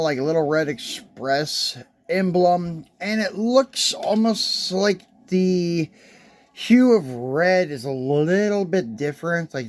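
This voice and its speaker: Chatty man reviewing die-cast trucks. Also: fairly high pitch. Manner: chatty, loose with fillers and asides. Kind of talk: casual unboxing review.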